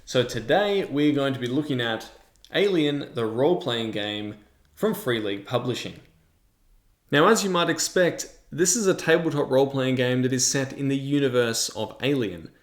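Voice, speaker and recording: A large microphone sits in front of this man as he presents a tabletop game review, speaking at a mid-range pitch in a measured, explanatory way. The narration sounds semi-scripted, and the echoey room leaves a clear reverb around his voice.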